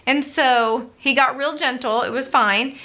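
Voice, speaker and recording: Woman vlogger, young adult, chatty storyteller, fairly high and bright voice. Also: steady tone, measured pace. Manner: chatty, retells others' lines in quotes. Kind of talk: casual storytime vlog.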